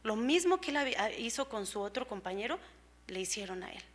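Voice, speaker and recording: An earnest woman preacher, her voice a little high, walks a congregation through scripture in a church sermon. She explains patiently, asks rhetorical questions and pads her speech with conversational fillers. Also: very animated, brisk.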